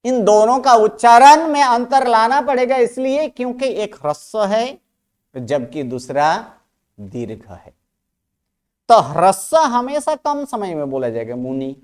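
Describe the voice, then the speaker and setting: A male teacher giving a classroom lecture. His pitch rises and falls a great deal, and he speaks at an unhurried pace. He keeps asking his class questions and going back over each point. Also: very animated, clear, resonant tone. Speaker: Sanskrit grammar teacher. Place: classroom, writing on a board.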